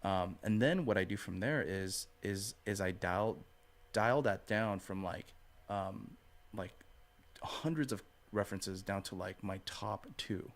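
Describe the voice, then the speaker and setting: At a measured pace and with a lowish voice, a male guest artist explains his art process in a casual podcast interview. He sounds thoughtful and hesitant, repeating phrases and checking in with "right" and "you know".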